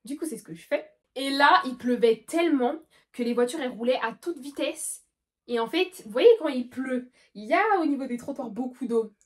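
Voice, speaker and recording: A young woman in her late teens telling a storytime vlog, animated and dramatic, with sudden loud outbursts. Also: sits high, normal speed. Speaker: vlogger.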